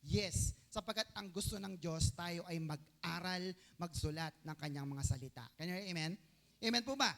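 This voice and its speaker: A man's voice: a little high, normal speed, a bit bright. A Filipino man preaching a sermon as pastor. He mixes Tagalog and English, explains the meanings of words, and keeps asking the congregation for an amen. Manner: Tagalog-English mix, calls for amens from the congregation; teaching by repetition, explains word meanings.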